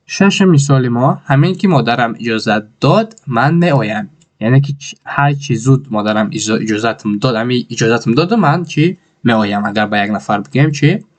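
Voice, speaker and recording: A man with a Tajik accent teaching an English lesson, repeating each phrase slowly word by word. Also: mid-range voice, animated.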